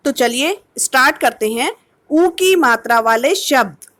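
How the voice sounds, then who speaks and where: A woman's voice: high-pitched, expressive, a little slow, fairly bright tone. A woman teacher giving an online kindergarten lesson, patiently sounding out words syllable by syllable. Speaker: primary school teacher.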